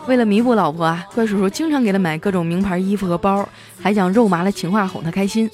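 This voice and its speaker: Brief: female comedy host, mid-pitched, lively storyteller, faint music underneath. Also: fast talker. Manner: lively, puts on voices for characters in jokes. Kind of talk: scripted comic storytelling.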